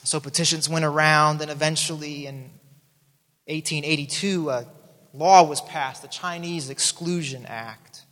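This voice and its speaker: A man in his thirties who grew up in South America gives an earnest sermon as a pastor, with a big-room sound around him. His pitch is fairly high and his tone a bit bright. He often starts sentences over, repeating words as each thought begins.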